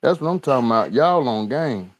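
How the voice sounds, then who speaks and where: A man hosts a live cooking stream from his kitchen, chatting with viewers he calls y'all and repeating his lines in a mid-range, animated, slightly fast voice. The overhead camera shows only the skillet, keeping him unseen, while soft music plays in the background.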